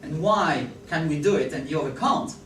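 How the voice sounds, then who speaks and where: This male speaker presents at a conference at normal speed, his voice a little high and his accent French. Animated, he keeps asking the audience if they follow and agree. The sound comes from a distance in a roomy, large hall, with faint hiss or hum.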